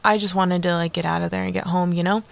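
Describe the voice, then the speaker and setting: This young adult podcast host talks fast in a lowish, flat, vocal-fried voice, though her casual solo chat stays bubbly, full of "like" and little asides to her audience.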